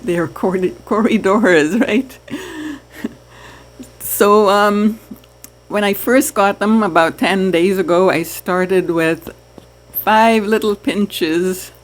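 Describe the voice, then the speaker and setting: A woman from Trinidad chatting casually to her viewers about keeping fish, with soft laughs. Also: mid-range voice. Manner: slow, chatty, laughs softly. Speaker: aquarium hobby vlogger. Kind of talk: casual chat to camera.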